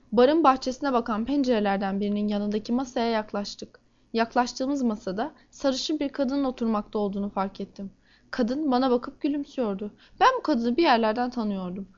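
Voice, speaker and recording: A woman reading a first-person crime novel aloud in a steady, measured way. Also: fairly high pitch, lo-fi sound. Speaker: audiobook narrator.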